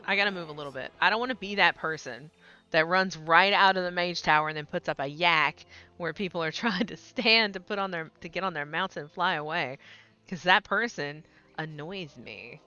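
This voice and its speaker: A woman's voice: on the low side, normal speed, sharp tone, highs cut off. A woman streaming a game and chatting casually, rambling and laughing often. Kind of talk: casual gaming stream chat.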